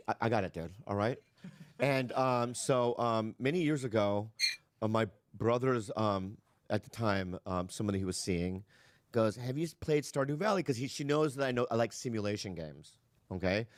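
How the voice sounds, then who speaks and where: A man hosting a casual podcast interview, excitable and loud, swearing freely and calling his guest dude. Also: medium pitch, moderate pace, no room sound. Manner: excitable, swears a lot, calls people dude. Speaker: podcast host.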